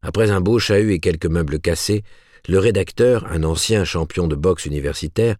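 A man reads a novel aloud in a measured, storytelling way. His voice is very deep. The recording is dry and close, with no room sound. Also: darkish tone, no echo. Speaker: audiobook narrator. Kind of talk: scripted narration.

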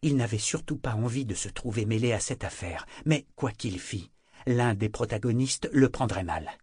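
A man narrating a novel in a measured, dramatic storytelling manner. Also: fairly low pitch, animated, a little mellow, husky, no echo, clean studio sound. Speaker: audiobook narrator. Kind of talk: scripted narration.

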